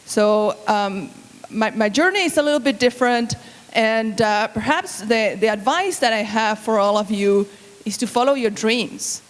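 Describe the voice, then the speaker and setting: A woman from Argentina speaks to students in a friendly tone, with a few light fillers. Her voice sits fairly high. Long hall reverb surrounds her. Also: a little slow. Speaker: banquet speaker, university researcher. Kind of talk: speech to students.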